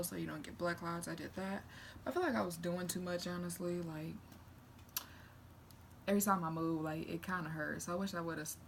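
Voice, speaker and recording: A young woman vlogging in a casual, candid, rambling chat to camera. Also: sits low. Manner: candid, rambling, animated retelling with acted-out quotes. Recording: noticeable background noise.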